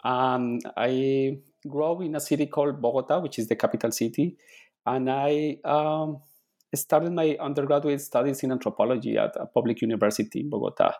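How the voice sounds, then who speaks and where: Gravelly man. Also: medium pitch, darkish tone. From Colombia. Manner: halting, searching for words, many restarts. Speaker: author guest. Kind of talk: podcast interview.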